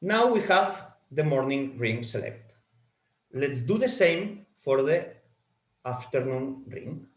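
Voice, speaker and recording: Here a product trainer whose native language is Spanish leads a software walkthrough webinar. He stops and repeats himself while clicking through settings, speaking at medium pitch with an animated delivery in a roomy-sounding space.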